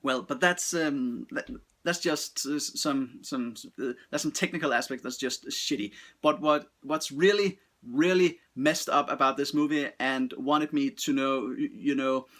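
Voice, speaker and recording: Bright, hesitant man reviewing a film. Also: mid-range voice. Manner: halting, many restarts and fillers, blunt swearing. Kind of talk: casual film review talk.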